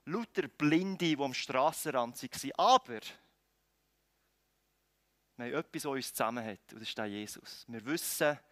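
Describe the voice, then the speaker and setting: A man with a Swiss German accent preaching a sermon, swinging between loud calls and quiet, close lines. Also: medium pitch, no room sound. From Switzerland.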